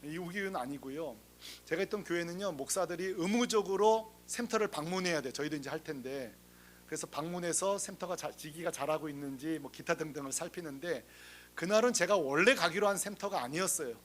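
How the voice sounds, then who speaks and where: A male senior pastor with a notably high-pitched voice delivers a sermon. He tells humorous stories in a lively way, slipping into the voices of the people in them, and keeps turning to the congregation with questions. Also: brisk. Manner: lively, humorous storytelling that acts out the people in the story; talks straight to the congregation with rhetorical questions.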